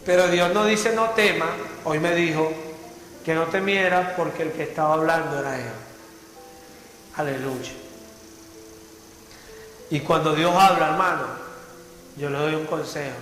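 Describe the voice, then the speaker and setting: A man's voice: on the high side, unhurried, pauses often, fairly bright tone, a little hiss or hum. Fervent male pastor in echoey church. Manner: fervent, asks the congregation rhetorical questions. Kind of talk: sermon. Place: church hall. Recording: echoey church hall, faint music.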